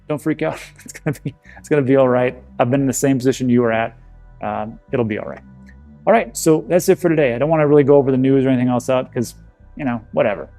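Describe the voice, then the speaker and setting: A man's voice: medium pitch, creaky, mellow. A man hosting his own crypto video channel, talking casually to camera in a rambling, reassuring way with frequent restarts.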